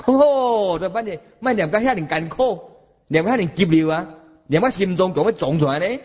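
An animated man with a Taiwanese accent gives a Buddhist sermon. His voice swings widely in pitch and has a husky edge, and he keeps breaking into chanted examples and questions to his listeners. The lo-fi recording sounds dull. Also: fairly quick. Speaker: Buddhist teacher.

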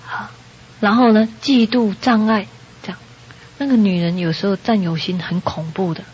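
A woman giving a Buddhist sermon to an audience, telling a story in a lively way and acting out the characters' lines. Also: medium pitch, moderate pace, husky. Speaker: Buddhist dharma teacher. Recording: dull lo-fi recording.

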